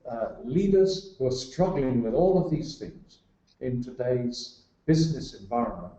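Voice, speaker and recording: A man's voice: medium pitch, warm tone. A man speaking as a guest on leadership, building emphatic lists of examples with some fillers. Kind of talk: explanatory talk. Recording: roomy, muffled sound.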